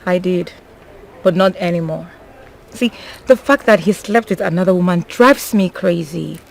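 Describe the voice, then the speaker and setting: An actress with a Nigerian accent playing a bitter, hurt wife in a film drama. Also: female voice, lowish voice, moderate pace, vocal fry, darkish tone, rough recording. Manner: dismissive, bitter.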